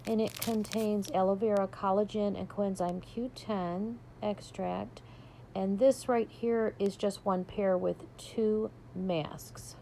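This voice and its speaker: A woman's voice: medium pitch, steady tone, slow, creaky, dark tone, a little hiss or hum. A woman chatting casually as she unboxes a subscription box, describing each item as she pulls it out. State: hiccuping. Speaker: unboxing vlogger.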